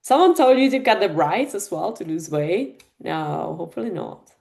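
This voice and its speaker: A fitness and nutrition coach from the Czech Republic, with a fairly low, gravelly, darkish voice, speaks expressively at normal speed. She's giving a live online masterclass on a video call, chatting directly to her audience with many fillers.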